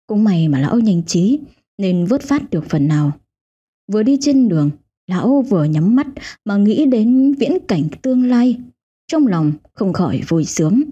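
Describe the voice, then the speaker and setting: A woman's voice: mid-range voice, very animated, normal speed, mellow, slightly rough. A woman host giving scripted, dramatic narration of a ghost story. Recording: dull lo-fi audio with faint music.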